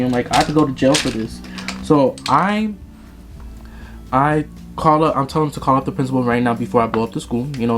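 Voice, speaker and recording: A man's voice: mid-range voice, noisy background. A young man vlogging, telling a dramatic, profane story in a casual way while he does his makeup.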